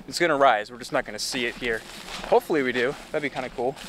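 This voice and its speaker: A man's voice: mid-range voice, fast talker. A man in his twenties talking casually and ramblingly to camera outdoors on an exposed, windy shore, easily distracted and self-deprecating. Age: 20s. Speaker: photography vlogger. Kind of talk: casual outdoor vlog talk. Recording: loud wind noise on microphone.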